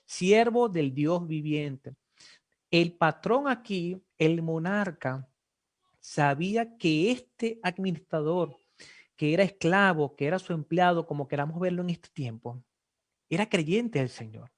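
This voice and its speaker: This is a preacher in full sermon mode, voice pitched in an ordinary middle range, throwing question after question at the listeners. The delivery is animated and emphatic, with sudden exclamations punching through the storytelling. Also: measured pace. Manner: animated, rhetorical questions to the congregation.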